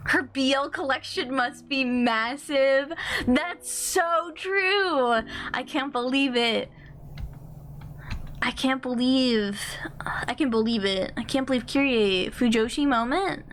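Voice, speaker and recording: A woman's voice: high-pitched, slow pace, pauses often, a bit bright, a little hiss or hum. A woman livestream host chatting casually in a cute, bubbly, effusive anime-streamer manner.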